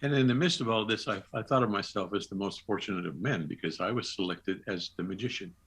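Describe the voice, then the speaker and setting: Gravelly older man telling producer stories. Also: lowish voice, fast. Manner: animated storyteller acting out his own phone calls. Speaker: television producer. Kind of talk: anecdotal interview storytelling.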